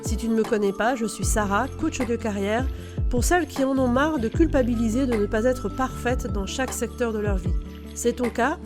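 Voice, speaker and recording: A woman with a fairly high voice speaks as a podcast host and career coach. She moves between presenting and conversational interviewing, with light music in the recording. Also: normal speed.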